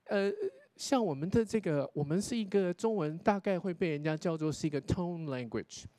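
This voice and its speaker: A man, a pronunciation lecturer judging a contest, explaining feedback to contestants and often tagging his sentences with a soft "ha". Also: fairly high pitch, moderate pace, no room sound. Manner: explanatory, demonstrates English pronunciation, tags sentences with 哈. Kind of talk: spoken critique to contestants.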